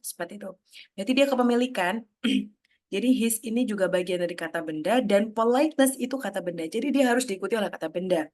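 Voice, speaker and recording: A woman's voice: mid-range voice, a little mellow. A woman giving an online grammar lesson, explaining step by step, putting questions to her students and dropping English terms into her talk. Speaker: English teacher.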